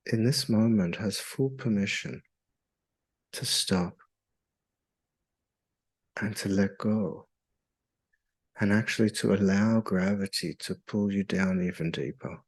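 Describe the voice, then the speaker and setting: A man guides a meditation in a soothing, hypnotic, measured way, leaving long pauses. His voice is lowish, husky, and darkish in tone.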